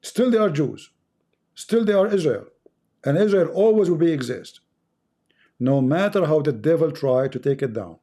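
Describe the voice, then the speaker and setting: On his livestream, a Middle Eastern man with an Arabic accent, speaking English as a second language, delivers an impassioned religious monologue into a close mic. His voice is fairly high for a man but soft and mellow, with lively intonation and a moderate pace. He preaches emphatically, repeating lines for effect.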